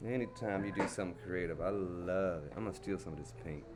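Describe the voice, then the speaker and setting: A Dallas man with a Texas accent streams himself crayon painting, chatting folksily to himself as he works. His voice is low and he talks fast, and the recording is very noisy.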